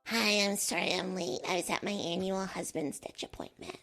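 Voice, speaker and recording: A woman playing a chipper, breathy, zealous femininity coach in an improvised comedy sketch. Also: on the low side, fairly even intonation, moderate pace, loud music behind the voice. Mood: perky.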